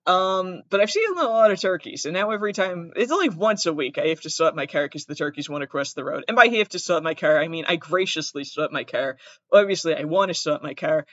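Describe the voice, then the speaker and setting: A man with a Massachusetts accent hosts a podcast alone, comedically reading trivia aloud and rambling into self-interrupting, jokey asides. His voice is a little high, bright and forceful, fairly quick with lively intonation. The close-mic sound is dull and dry, with no echo.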